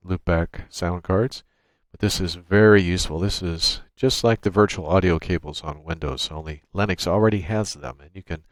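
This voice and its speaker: In a casual walkthrough of some software, a tutorial presenter with a deep voice talks through each step in turn. His USB microphone feeds a noise gate, and the audio is dry, with no echo and hardly any room in it.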